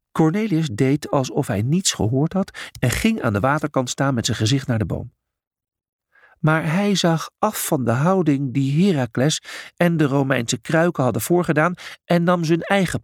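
A man narrating a children's audiobook in an expressive storytelling voice. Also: medium pitch, husky, no echo, clean studio sound.

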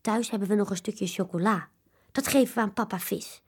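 A woman voicing a lively, playful little girl who leads the games in a children's story. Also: medium pitch, brisk, breathy edge. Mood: scheming.

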